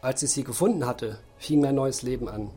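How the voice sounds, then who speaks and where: Male reader playing a hushed mysterious mentor, low and even. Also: a little fast, faint music behind, natural voice. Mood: cryptic. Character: mysterious male guide, calm and cryptic.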